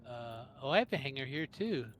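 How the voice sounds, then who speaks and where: A man's voice: medium pitch, big pitch swings, brisk, fairly bright tone, slight background noise. A man chatting casually with friends as he plays a video game, thinking aloud as he goes. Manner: thinks aloud while playing. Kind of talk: casual gameplay chat with friends.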